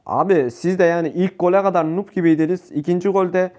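A young man talks over his game in a casual commentary style. His voice sits on the high side, and he turns excitable, groaning and shouting at teammates as the match goes on. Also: fairly quick, lo-fi sound. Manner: excitable, swears and yells at teammates. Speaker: gaming youtuber.

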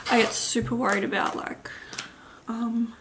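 A woman's voice: fairly high pitch, flat delivery, unhurried, background noise. An eighteen-year-old woman vlogging casually at home, rambling with lots of likes and ums, sometimes dropping to a whisper. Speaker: beauty vlogger. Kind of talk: casual vlog chat to camera. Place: at home, indoors. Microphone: camera mic on a tripod.

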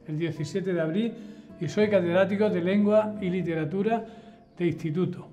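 A man in his seventies explains things in an articulate, orderly way. His voice sits fairly high, with faint guitar music underneath. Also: steady tone, moderate pace, mellow. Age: 70s. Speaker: interviewee, retired teacher. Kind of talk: reminiscing interview. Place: living room at home.

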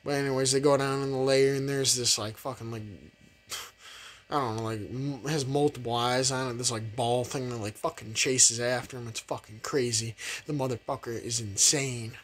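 A man's voice: medium pitch, fairly even intonation, normal speed. A young man reviewing a film in a casual, rambling way, swearing a lot, filling gaps with "like", and laughing as he goes. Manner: rambling, profane, heavy use of fillers; laughs often while talking. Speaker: movie reviewer.

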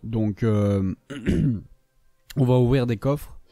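A young man with a French accent, his voice worn hoarse, giving live commentary on a mobile game and swearing angrily at his opponents. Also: mid-range voice, warm tone, no echo, soft background music. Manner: swears a lot, quick to anger, rants at opponents. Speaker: gaming video creator.

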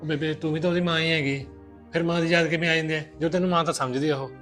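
An actor playing an easygoing young husband and dutiful son in a short film drama, talking in a mild, agreeable way. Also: male voice, fairly high pitch, fairly even intonation, racing, a bit bright, soft background music, lightly acted.

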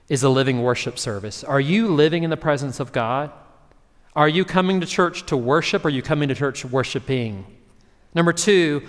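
Male pastor, chatty sermon, fairly high voice, long church reverb. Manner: conversational, acts out short voices in his story. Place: church sanctuary.

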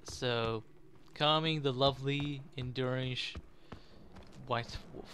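Man, game commentary, slow-talking, bright tone, laughs a lot, sarcastic asides. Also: mid-range voice, fairly even intonation, a little hiss or hum. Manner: laughs often, mock-exasperated asides. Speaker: let's play gamer. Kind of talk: casual gameplay commentary.

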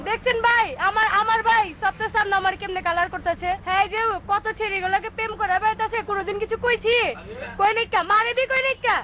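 Shrill, quarrelsome young woman. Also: steady tone, fast. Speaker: passenger. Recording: dull lo-fi with crowd. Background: crowd chatter.

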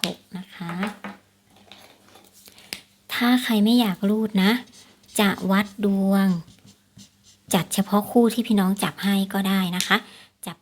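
A woman's voice: medium pitch, fairly even intonation, takes it slowly, long pauses, slight background noise. A woman hosting a casual tips vlog, explaining things to viewers, repeating her points and often checking for agreement with polite particles. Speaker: lottery tips channel host.

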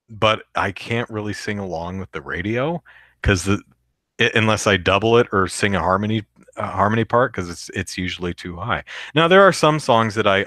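Hosting a live podcast, a man with a deep, sharp-toned voice reads out the chat and rambles casually, full of fillers and restarts. The recording is clean studio sound with no room sound.

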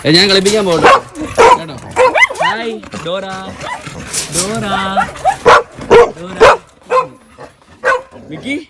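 A man's voice: high voice, very animated, takes it slowly, creaky, pauses often, heavy background noise. A man vlogging casually, teasing and chatting to his pet dog.

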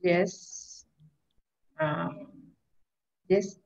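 Slow-answering woman student on a dull call. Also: on the low side, steady tone, darkish tone. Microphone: video call.

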